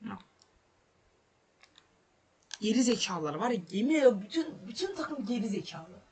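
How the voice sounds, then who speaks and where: A man's voice: sits high, big pitch swings, moderate pace, a little mellow, slightly rough. A man hosting a gaming channel, commenting on his football game as he plays, frustrated, swearing and repeating himself. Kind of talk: let's play commentary.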